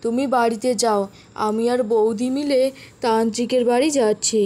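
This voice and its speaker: A woman's voice: fairly high pitch, fairly even intonation, normal speed, dark tone, natural voice. A woman voicing a resolute village man in a cartoon, speaking firmly. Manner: firm, rousing. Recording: background music.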